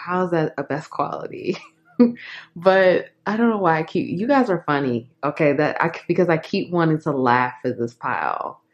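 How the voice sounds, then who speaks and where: Low-voiced woman doing a tarot reading, laid-back and blunt, giggles a lot, kinda muffled lo-fi audio. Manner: chatty, laughs often, frank, filler-heavy. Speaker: tarot reader. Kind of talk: casual tarot reading to camera.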